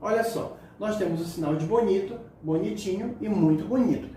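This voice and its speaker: A man teaching a sign language lesson, speaking haltingly and repeating words as he demonstrates signs. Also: high voice, warm tone. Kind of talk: spoken lesson explaining signs. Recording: echoey distant mic with faint room noise.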